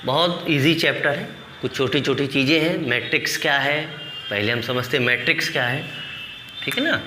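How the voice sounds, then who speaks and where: A man's voice: mid-range voice, normal speed, background noise. A man teaching a maths lesson at the board, asking the class questions and answering them himself, counting aloud and calling the students "beta". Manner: addresses students as "beta", coaxing. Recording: echoey hall, mic from a distance.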